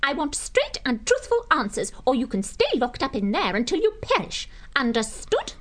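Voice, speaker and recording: A man's voice: very high-pitched, huge pitch swings, normal speed, a bit bright, pitched above the performer's own voice, full character voice. A man voicing a stern abbey sister. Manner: severe, interrogating. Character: stern no-nonsense abbey sister, female creature.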